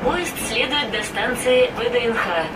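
A woman giving calm, formal recorded metro station announcements, played over a train loudspeaker. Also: a little high, measured pace. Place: inside a moving metro car. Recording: distant voice over loud train noise.

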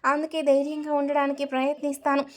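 A woman's voice: high voice, monotone, fast talker, close to an everyday voice. A woman voicing a shy, naive young bride. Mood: innocent. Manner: innocent, wondering.

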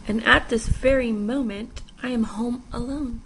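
A woman's voice: fairly high pitch, steady tone, a little slow, fairly bright tone, slight background noise, low-quality recording. A young woman chatting casually at home through a makeup tutorial, rambling with self-deprecating asides. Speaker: makeup vlogger.

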